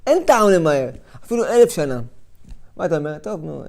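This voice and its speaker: A middle-aged man giving a sermon as a rabbi, dramatic, moving between hushed tones and loud outbursts and acting out inner voices. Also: sits high, very animated. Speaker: rabbi giving a weekly lesson.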